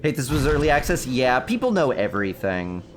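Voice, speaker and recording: A man's voice: medium pitch, sing-song, a little fast, slight background noise. Chatty man streaming a game. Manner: chatty, rambling storyteller answering chat. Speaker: streamer playing a survival game. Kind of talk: casual gameplay commentary.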